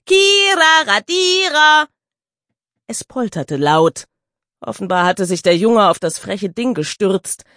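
A woman narrating an audiobook with expressive, lively storytelling. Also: on the low side, measured pace, dry recording, clean studio sound.

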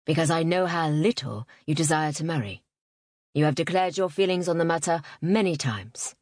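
A woman voicing a stern, controlling older father in a low, firm, measured voice in an audiobook reading. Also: darkish tone, no room sound, clean studio sound. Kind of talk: audiobook narration.

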